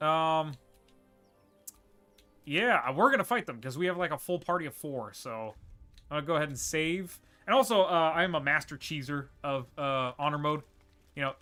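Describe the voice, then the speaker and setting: A man streaming a video game, rambling and thinking aloud with quick laughs as he plays. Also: fairly high pitch, bright, forceful tone. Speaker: gaming streamer. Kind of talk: casual gameplay commentary.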